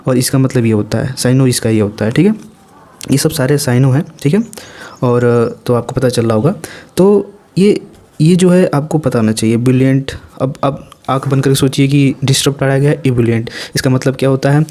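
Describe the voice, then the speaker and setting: A man giving a casual exam-prep vocabulary lesson, talking in a lively, playful way with chatty asides. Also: medium pitch, a little fast. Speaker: vocabulary teacher.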